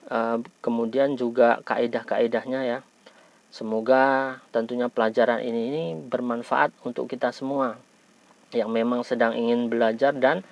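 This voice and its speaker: An Indonesian man teaching a recitation lesson, over-enunciating sounds and syllables with deliberate emphasis in a patient, encouraging way. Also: medium pitch, muffled recording. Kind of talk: instructional tajwid lesson.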